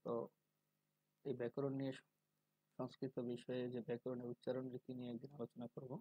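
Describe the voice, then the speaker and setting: A man giving a calm spoken lesson on pronunciation, slowly and deliberately drawing out syllables to demonstrate them. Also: mid-range voice, husky, dry recording, dull audio. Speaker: teacher of Sanskrit pronunciation.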